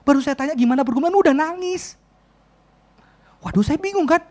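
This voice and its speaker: Man, preacher, storytelling sermon, high voice, very lively pitch. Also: normal speed. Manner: animated, acts out quoted voices and laughs often.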